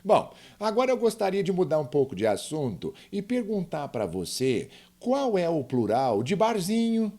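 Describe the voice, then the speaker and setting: A man's voice: a little high, wildly swooping pitch, normal speed, hardly any pauses, mellow. A man teaching a grammar lesson, emphatic and often asking the viewer questions.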